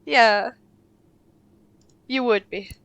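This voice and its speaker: Giggly high-voiced woman streamer. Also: extremely slow, fairly bright tone, clean tone, no room sound. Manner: giggly, exclamatory, sarcastic asides. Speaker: streamer playing a text game. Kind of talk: casual playthrough reactions.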